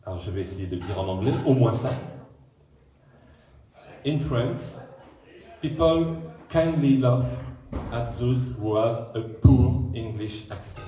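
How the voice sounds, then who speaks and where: A man's voice: mid-range voice, slow pace, long pauses, warm tone. A middle-aged man giving a speech as father of the groom, reading a formal text with dry jokes about himself. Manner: reads formal text, breaks off for dry self-mocking jokes. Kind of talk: prepared speech with joking asides. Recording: echoey hall, far from the mic, faint noise.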